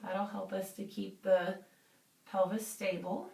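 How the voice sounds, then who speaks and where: Slow-paced woman fitness instructor, roomy distant sound. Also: mid-range voice, flat delivery, creaky, darkish tone. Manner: encouraging, reassuring, informal. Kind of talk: guided workout instruction.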